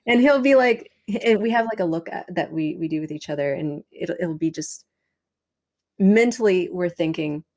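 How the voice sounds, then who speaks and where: A woman's voice: lowish voice, expressive, moderate pace, darkish tone. A woman in her thirties, a sexologist, telling stories in a blunt, profane way and acting out the people she quotes. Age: 30s. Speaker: sexologist guest. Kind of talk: casual storytelling.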